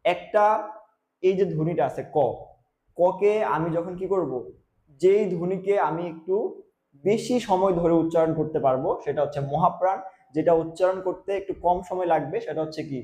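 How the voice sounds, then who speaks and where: Young male teacher, fairly high, mellow voice; quizzes himself aloud, punches key words. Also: fairly even intonation, moderate pace, roomy sound. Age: young adult. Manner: explains by asking and answering his own questions; stresses key terms loudly. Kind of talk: classroom lesson.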